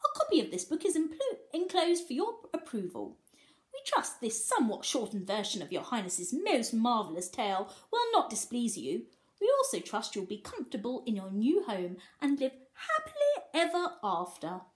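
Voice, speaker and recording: Her voice is a little high as she reads a picture book aloud to small children. She stays expressive and breaks off, teacher-style, to explain parts and ask simple questions.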